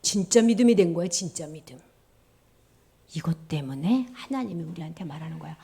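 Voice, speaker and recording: A woman giving a children's sermon, telling stories in an animated way and acting out the voices of the people in them. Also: on the low side, brisk, gravelly, slightly rough. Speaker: children's pastor.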